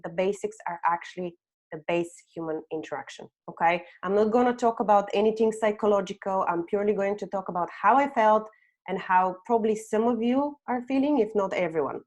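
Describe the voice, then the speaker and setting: "Um" and "okay?" come up constantly as this HR consultant leads her slide-based webinar. Originally from Bulgaria and in her thirties, she has a medium-pitched, darkish voice and speaks a little quickly.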